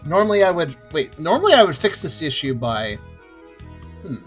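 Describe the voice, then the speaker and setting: A man's voice: on the high side, very animated, normal speed. A man hosting a gaming video with casual let's-play commentary and wry, joking asides. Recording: light game music behind.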